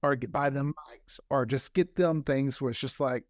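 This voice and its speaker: Speaking at medium pitch and a moderate pace, this podcast creator is an interview guest in a casual chat. He's chatty and eager, frequently quoting made-up conversations, captured in a clean studio recording without any room sound.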